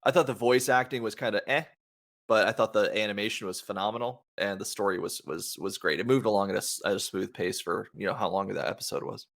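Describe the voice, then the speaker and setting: A man's voice: fairly low pitch, quick pace, creaky, fairly bright tone. A man co-hosting a podcast in casual chat, joking and agreeable. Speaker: podcast co-host.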